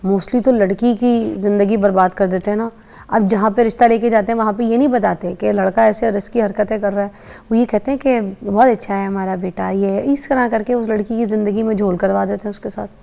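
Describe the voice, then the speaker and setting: A woman's voice: mid-range voice, steady tone, vocal fry, mellow. A woman from Pakistan hosting a TV morning show, chatting in a conversational style and telling anecdotes with frequent interjections. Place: TV studio.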